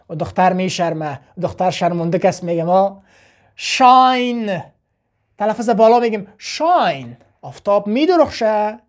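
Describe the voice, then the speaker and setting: Woman, Afghan Dari accent, language teacher, fairly high pitch, slow repeated drilling, asks then answers herself. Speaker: English teacher. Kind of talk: spoken language lesson.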